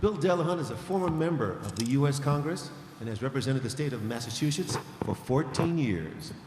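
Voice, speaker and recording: A man introducing the next speaker at a conference with a crisp, read-out delivery. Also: medium pitch, animated, brisk, darkish tone, slight background noise. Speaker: announcer. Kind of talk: formal introduction. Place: large conference hall. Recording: echoey hall with faint ambience.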